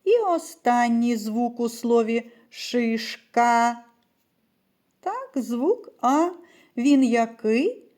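A woman teacher giving a slow, sing-song early-years literacy lesson, speaking to small children. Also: fairly high pitch, very animated, a little mellow.

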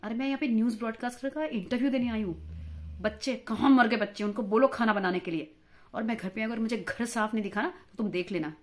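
A woman's voice: on the high side, fast talker, few pauses, darkish tone, natural voice. A woman playing a chatty, quarrelsome married mother in a comic monologue, fawning and talkative as a job candidate for a news anchor post. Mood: scolding. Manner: chatty, fawning toward interviewer, mixes English words into Hindi.

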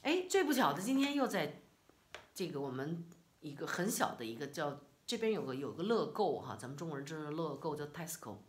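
A middle-aged woman from China, telling a personal story in a casual, animated, indignant way. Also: low-pitched, a little fast. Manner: animated, indignant retelling with quoted dialogue. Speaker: vlogger.

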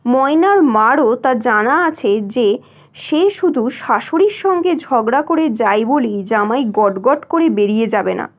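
A woman reading a literary short story aloud in a measured narrating voice. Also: fairly high pitch, expressive. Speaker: story reader.

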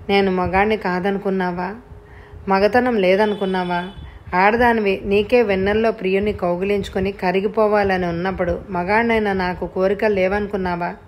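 A woman's voice: mid-range voice, a little mellow, a little hiss or hum, close to an everyday voice. Woman voicing a curt, scornful husband. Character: cold, bitter husband, adult man.

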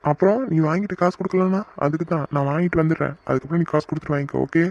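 A young cartoon guy, voiced by a man who teases his friend and talks at breakneck speed. His voice sits a little high for a man. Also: steady tone, very fast, vocal fry, darkish tone, highs cut off. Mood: teasing. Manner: bantering, stubborn. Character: teasing young male friend. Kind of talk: cartoon voice acting.

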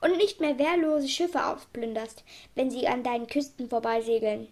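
Woman reading kind brave animal doctor, firm and earnest, highish voice. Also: moderate pace, close to an everyday voice.

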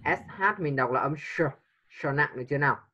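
A man's voice: medium pitch, racing, bright, forceful tone. Patient male tutor prompting a young pupil, muffled lo-fi sound. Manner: patient, coaxing with repeated prompts. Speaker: English teacher. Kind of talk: online English lesson with a child.

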